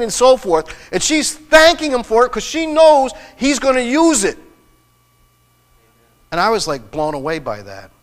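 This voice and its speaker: A middle-aged male pastor delivers a sermon in an earnest, personal storytelling manner, often restarting his phrases. His voice sits fairly high for a man. A long church reverb trails behind each phrase. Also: fairly bright tone. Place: church sanctuary.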